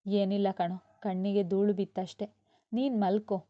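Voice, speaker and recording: A weary young mother, as a woman reading a storybook puts her on, brisk and scolding in a mid-pitched voice close to the narrator's own. The audio is a little dull and lo-fi. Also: level tone, close to an everyday voice. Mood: soothing.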